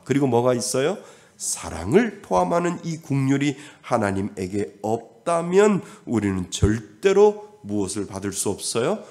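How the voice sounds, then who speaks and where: Korean pastor preaching, questioning the congregation. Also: male voice, on the low side, a little mellow. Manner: asks the congregation questions and acts out God's words. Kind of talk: sermon.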